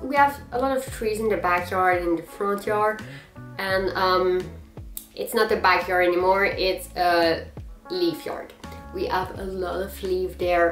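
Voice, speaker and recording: In an unscripted, casual vlog, a French Canadian cosplayer talks slowly from a small guest room lined with manga shelves. Her medium-pitched, fairly bright voice sounds reverberant, and her unhurried, improvised delivery has frequent pauses, fillers and short laughs.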